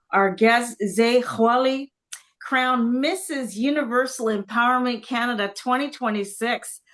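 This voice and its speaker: Enthusiastic woman talk show host. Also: a little high. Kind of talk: interview show hosting.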